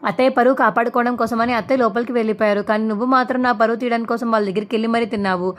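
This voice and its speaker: A woman voicing a scheming young wife who talks in quick, complaining bursts. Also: fairly high pitch, fairly even intonation, close to an everyday voice. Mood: resentful.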